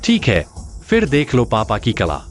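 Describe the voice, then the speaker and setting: A man's voice: medium pitch, wildly swooping pitch, unhurried. An actor playing a cocky young village man who boasts and mocks his rivals, over background music. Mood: defiant. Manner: mocking, boastful. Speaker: hero who outwits a bully. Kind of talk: dubbed short drama acting. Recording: music bed under dialogue.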